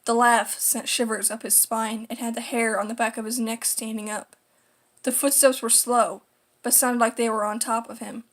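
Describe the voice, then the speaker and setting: A woman narrating a scripted horror story in a deliberate, dramatic storytelling manner. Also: on the high side, little pitch movement.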